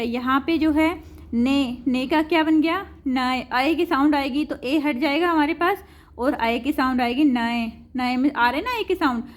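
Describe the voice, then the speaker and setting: A woman teaching a grammar lesson to school pupils, patiently repeating each example and addressing the pupils as children. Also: sits high.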